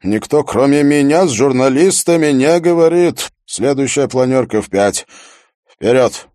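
A man's voice: mid-range voice, lively intonation, a little slow, dark tone, no room sound, clean studio sound, voice pushed up, lightly acted. A man voicing a brusque police chief summing up a briefing and giving orders. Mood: commanding. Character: gruff commanding male police chief.

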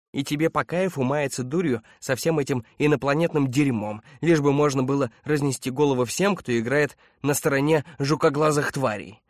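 A man voicing a bitter, complaining male space marine who whines loudly. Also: medium pitch, dry recording, clean studio sound, close to an everyday voice. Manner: whining, loud, resentful.

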